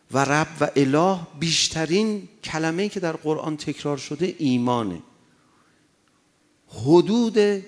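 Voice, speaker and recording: Gravelly high-voiced preaching man. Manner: impassioned, swings from loud exhortation to quiet anecdote. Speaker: cleric. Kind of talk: sermon.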